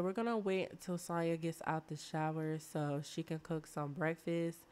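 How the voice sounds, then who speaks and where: A woman's voice: fairly low pitch, a little mellow, clear, resonant tone. A woman with a sick voice, chatting casually as she plays a life-simulation game and playfully scolds her characters. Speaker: let's play host. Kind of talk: casual gameplay commentary.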